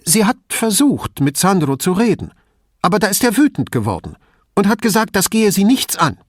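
A man's voice: sits high, big pitch swings, dry recording, studio quality, voice pushed up. A man voicing a worried, defensive woman professor who talks about her son in a storybook reading. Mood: sharp. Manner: tense and quick to bristle.

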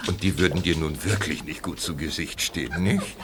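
A man's voice: a bass voice, moderate pace, very noisy. An actor playing a smarmy, evasive man who flirts and stammers in a radio play. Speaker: borrower caught out.

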